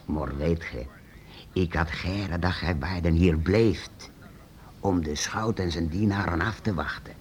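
In a radio drama, a low-pitched man portrays a secretive elderly master inventor who is calm and fatherly, a master craftsman. His delivery is measured and reassuring yet lively in intonation. A faint hiss or hum runs underneath.

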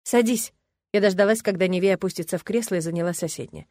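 A woman narrating an audiobook in the first person, calm and even. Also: on the low side, rapid-fire, no echo, studio quality.

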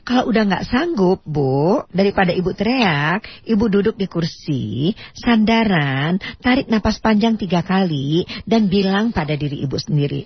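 A woman on a radio talk show giving parenting advice, explaining with animated emphasis and acting out parent speech. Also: mid-range voice, a little slow, slightly rough. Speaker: parenting expert guest. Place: radio studio. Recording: dull lo-fi radio audio.

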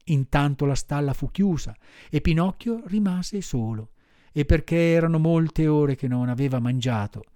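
A man narrating a children's classic audiobook in a measured, expressive way. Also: fairly high pitch, dry recording, studio quality. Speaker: audiobook reader.

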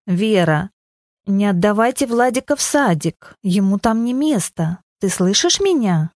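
A devout, slow-talking grandmother, read by a woman. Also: medium pitch, very animated, a little mellow, no room sound, clean studio sound. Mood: fond. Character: grandmother on a retreat, devout, warm.

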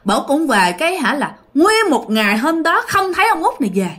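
Southern Vietnamese woman, casual ghost-story teller, slightly high, very animated pitch. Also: fairly quick. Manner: chatty, addresses listeners directly.

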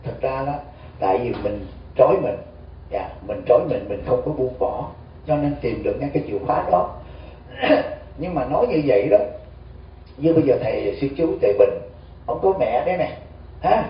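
A man's voice: mid-range voice, animated, moderate pace, pauses often, a little hiss or hum. A Buddhist monk gives a dharma talk, tells stories and keeps asking his audience questions. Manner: storytelling, asks the audience questions. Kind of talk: sermon. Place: community center hall. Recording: distant, dull, echoey hall recording.

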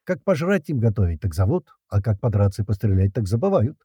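A man's voice: lowish voice, very animated, fairly quick, mellow, breathy edge, no echo, muffled recording, full character voice. A man voicing a male camp cook who grumbles theatrically about chores. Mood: grumbling.

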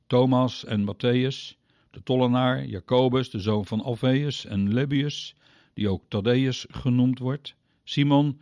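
A man teaching the Bible on the radio, speaking directly to his listeners and explaining step by step, with sudden pitch leaps on key words. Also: darkish tone, no echo, studio quality.

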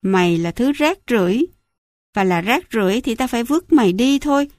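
A woman's voice: fairly high pitch, animated, brisk, darkish tone, no echo, clean studio sound, close to an everyday voice. A woman voicing a cruel, scornful middle-aged mother who smokes and mocks her son. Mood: sneering. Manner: sneering, mocking, contemptuous.

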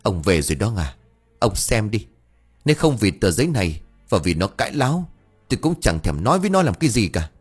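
A man's voice: lowish voice, very animated, fairly quick, husky. A man voicing a shrewish, jealous older first wife who scolds shrilly and wails theatrically. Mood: accusing. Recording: faint background music.

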